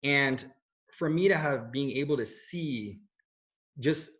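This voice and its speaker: Taking it slowly, a man in his thirties speaks in a mid-range, fairly bright voice during a casual interview. He's a Swiss-raised video journalist without an accent, earnest yet rambling, full of fillers and restarts, and the audio is dull and lo-fi.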